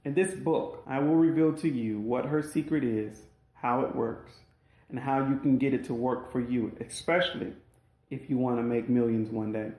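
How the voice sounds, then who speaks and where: A man's voice: mid-range voice, normal speed, darkish tone. Emphatic man narrating his audiobook. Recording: roomy echoey recording.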